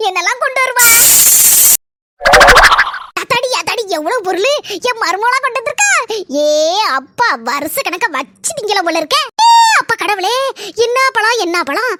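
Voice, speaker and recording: A woman's voice: extremely high pitch, very noisy. A woman voicing a greedy, scheming older village mother-in-law in a cartoon, nagging and scolding with a southern Tamil accent. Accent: southern Tamil (Tirunelveli–Kanyakumari). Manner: nagging, scolding, grumbling in rural slang. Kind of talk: cartoon comedy voice acting.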